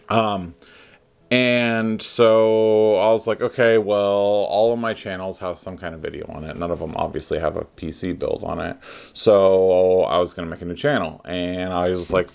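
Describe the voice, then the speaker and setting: A man with a low, deep voice talks straight to his camera in an unscripted home vlog. He rambles along, filling gaps with ums and circling back to restart his sentences. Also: vocal fry. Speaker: vlogger.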